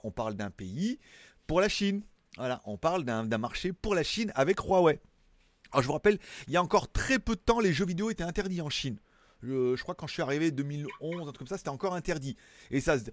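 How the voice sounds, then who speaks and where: Man, slightly high voice, rambling casual tech chat, dry close mic, self-mocking. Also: no echo. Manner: rambling, chatty, self-mocking with frequent fillers. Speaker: tech news YouTuber host. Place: home in Thailand.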